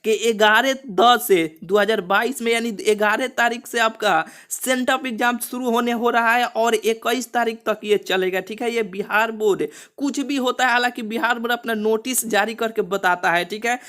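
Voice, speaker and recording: His voice is very high, bright, and pushed, steady in tone, at a moderate pace with few pauses. The young exam coaching host repeats exam rules to students on video, filling gaps with "see" and "okay."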